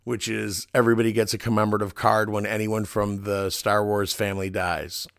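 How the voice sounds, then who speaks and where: A man's voice: lowish voice, little pitch movement, fairly quick, gravelly, a bit bright, dry recording, clean studio sound. A man in casual podcast chat, explaining things at length as co-host.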